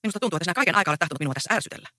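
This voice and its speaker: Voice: medium pitch, animated, bright, forceful tone, no room sound, clean studio sound. A reader voicing a proud, easygoing young peasant man in a stage play read aloud. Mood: reassuring.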